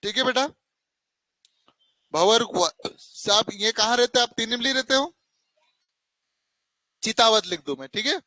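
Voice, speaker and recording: Stern high-voiced teacher. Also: male voice, lively intonation, unhurried, long pauses, bright, forceful tone, dry recording, low-quality recording. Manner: stern, scolding, calls students 'beta', asks 'hai na?'. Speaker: coaching teacher. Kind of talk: classroom math lesson. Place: classroom with students and online viewers.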